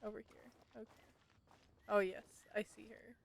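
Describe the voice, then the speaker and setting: Over video game music, a game streamer commentates casually on her live gameplay. Her mid-range voice is steady and unhurried with vocal fry, and she mutters and thinks aloud to herself.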